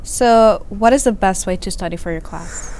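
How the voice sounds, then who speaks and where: Woman, student interviewer; bright, chatty questions, clean resonant tone. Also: mid-range voice, moderate pace. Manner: upbeat, chatty, brief acknowledgements.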